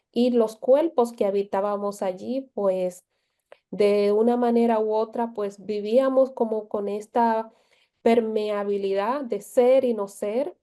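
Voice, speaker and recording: A woman from the Republic, speaking as a guest in a reflective panel conversation, with frequent pauses and restarts. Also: mid-range voice, dark tone. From Dominican Republic. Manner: slow, thoughtful, frequent hesitations and restarts.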